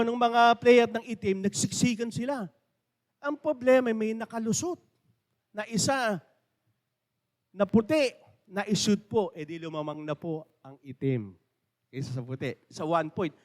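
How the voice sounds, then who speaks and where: High-voiced preaching pastor in a reverberant hall. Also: male voice, lively intonation, measured pace, long pauses. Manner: conversational preaching, asks the congregation questions. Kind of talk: sermon. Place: church sanctuary.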